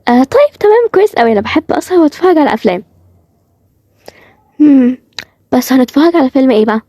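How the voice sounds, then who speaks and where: A woman's voice: sits high, lively intonation, fast, warm tone, dry recording, clean studio sound, pitched above the performer's own voice. A woman voicing Dima, an affected young woman with an Egyptian accent who keeps changing her way of talking. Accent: Egyptian Arabic. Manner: affected, shifting sing-song delivery. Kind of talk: voice acting for a cartoon role-play video.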